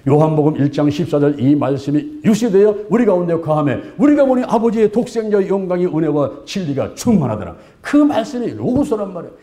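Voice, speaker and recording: A middle-aged male pastor preaching a sermon in a colloquial, animated way, acting out little scenes in voices. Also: high voice, fast, hardly any pauses. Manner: colloquial, asks the congregation "예?" often.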